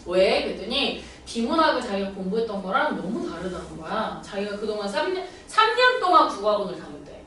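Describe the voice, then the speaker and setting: A woman lecturing as a cram-school language tutor, telling blunt, animated stories and sometimes acting out loud scolding. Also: mid-range voice, fairly quick, few pauses, a little hiss or hum. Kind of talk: classroom lecture with anecdotes. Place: classroom. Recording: echoey classroom picked up from a distance.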